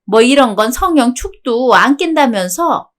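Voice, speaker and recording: A woman's voice: fairly high pitch, lively intonation, a little slow. A woman voicing a bossy, scornful older mother-in-law who nags and scolds in a radio drama. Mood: demanding. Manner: nagging, scolding. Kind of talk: Korean radio drama dialogue.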